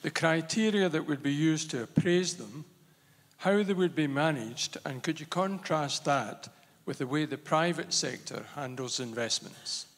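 Higher-voiced man asking brisk questions. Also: slight background noise. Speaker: audience member asking a question. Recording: long hall reverb.

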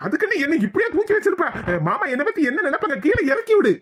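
A woman voicing a flustered, anxious young husband in an animated cartoon, pleading fussily with a Kanyakumari Tamil accent. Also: extremely high pitch, quick pace, a little hiss or hum. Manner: pleading, fussy.

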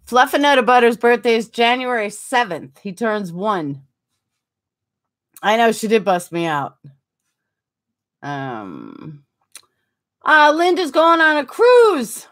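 A livestream host in her forties speaks in a fairly high, slightly bright voice with big pitch swings, taking things slowly and leaving long pauses. Seated in a small room with curtains behind her and recorded on a desktop webcam, she chats casually, reads viewer comments aloud while teasing herself, and laughs frequently.

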